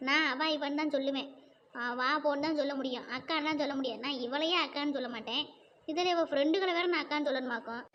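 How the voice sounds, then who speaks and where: A woman voicing a defiant, sharp-tongued younger sister in a cartoon. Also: sits high, fast, highs cut off, slight background noise, lightly acted. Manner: mocking, defiant. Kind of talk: cartoon voice acting.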